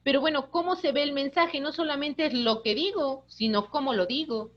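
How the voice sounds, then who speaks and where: A woman, an instructor giving a lively online lecture, talking with her hands. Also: high voice, normal speed, muffled recording. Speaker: course instructor.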